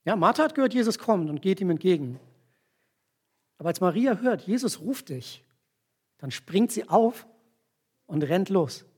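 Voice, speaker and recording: A man with a fairly high, husky voice preaches to a gathering. He retells a scripture passage step by step and has volunteers stand up to act it out. He checks in with his listeners with short tag questions as he goes. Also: big pitch swings, a little mellow. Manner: explains slowly with frequent tag questions. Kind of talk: sermon with volunteer demonstration.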